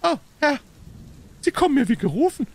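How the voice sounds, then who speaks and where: A frightened little man whimpers and stammers in a very high, shaky voice. He sounds anxious and pleading throughout. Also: animated, moderate pace, creaky, a bit bright, full character voice. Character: nervous, frightened small young man.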